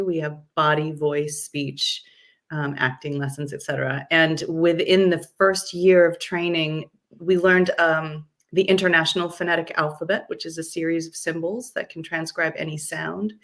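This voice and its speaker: A middle-aged woman interview guest with a slightly low voice. She speaks as a voice and dialect coach and explains her work in an articulate, enthusiastic way. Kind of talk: interview answers.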